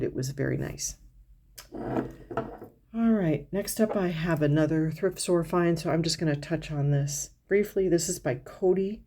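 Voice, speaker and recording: A woman's voice: deep voice, mellow. A woman talking casually to camera, reviewing perfumes in a chatty, descriptive way with frequent fillers and restarts. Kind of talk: casual product review vlog.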